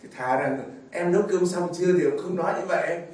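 A man's voice: high-pitched, fairly even intonation, quick pace, a little mellow. An older man giving a homily as a priest, telling homely stories with fond asides. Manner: folksy storytelling, fond asides and chuckles. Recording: very echoey hall, mic far off, faint noise.

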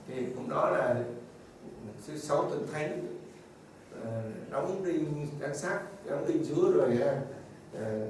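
High-voiced man preaching in an echoey hall. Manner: animated storytelling, chuckles often. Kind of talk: informal sermon with anecdotes. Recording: very echoey room, distant mic, faint noise.

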